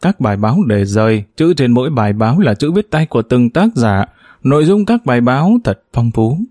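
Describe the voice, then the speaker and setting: A man narrating an audiobook chapter in a measured, expressive storytelling manner. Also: mid-range voice, no room sound, studio quality.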